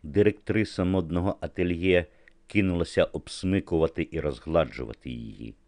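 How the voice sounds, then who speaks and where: A man reading an audiobook novel as narrator, in a measured literary manner. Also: low voice, a little mellow, no room sound, studio quality. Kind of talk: scripted narration.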